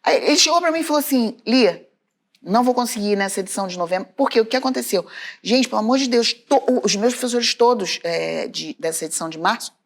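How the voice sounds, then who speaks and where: Lively Brazilian woman telling stories. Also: a little high, fast, gravelly. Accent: Brazilian Portuguese. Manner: lively storyteller, exclaims to listeners. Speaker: podcast co-host. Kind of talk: casual chat.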